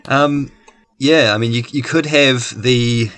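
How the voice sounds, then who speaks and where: A man's voice: medium pitch, takes it slowly, fairly bright tone, clean tone. A man with a mild New Zealand accent chatting casually and jokingly as a podcast host, often hesitating as he searches for words. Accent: New Zealand, not strong.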